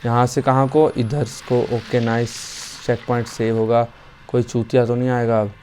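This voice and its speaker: A man giving casual, profane let's-play commentary on a horror game, muttering to himself and yelling when startled. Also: medium pitch, little pitch movement, moderate pace, slight background noise. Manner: profane, jokey, mutters quietly then shouts when startled. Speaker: gaming YouTuber playing a horror game.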